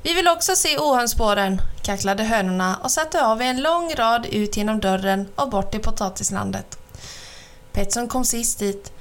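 A woman reading a children's storybook aloud in a calm, clear, measured way. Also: mid-range voice.

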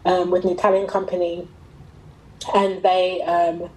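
A middle-aged fashion entrepreneur answers interview questions conversationally, thinking aloud and reshaping her sentences as she tells her story. Her slightly low, very mellow voice has a flat delivery at a measured pace, in a low-quality recording.

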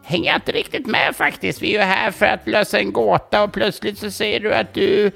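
A man voicing an eager female cat in a children's story, starting her lines with a high meow. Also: fairly even intonation, vocal fry, a bit bright, faint music behind, heavily acted. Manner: high squeaky meows before speaking. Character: eager female glitter cat who keeps meowing.

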